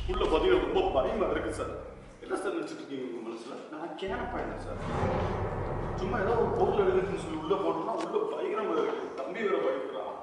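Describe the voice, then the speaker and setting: A man's voice: on the high side, background noise, lightly acted. A young man acting in a short film, pleading with a caller again and again in a frightened voice. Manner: pleading, frightened, repeats sir. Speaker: young man caught in a phone threat. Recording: echoey distant sound with music.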